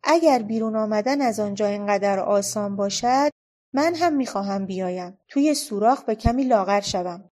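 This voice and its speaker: A woman's voice: mid-range voice, mellow, lightly acted. A woman voicing an eager, brave young boy in a storybook reading.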